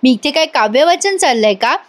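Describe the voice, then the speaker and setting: A woman voicing a stern, angry male college professor who scolds sharply in a high voice. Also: animated, fairly quick.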